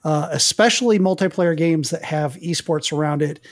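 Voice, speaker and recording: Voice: medium pitch, normal speed. Co-host explaining technical detail. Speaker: podcast co-host. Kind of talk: casual tech chat.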